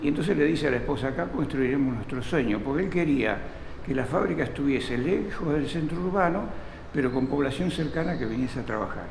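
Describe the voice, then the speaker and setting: An older man born in Italy tells the story with lively, direct storytelling and a gravelly, creaky voice. He is recorded close up in a small room with a long reverberant echo. Faint noise sits under the speech. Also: medium pitch, brisk. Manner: animated storyteller, addresses listener directly. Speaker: local historian guide. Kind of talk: storytelling interview. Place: small indoor room with air conditioner. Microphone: camera close in front.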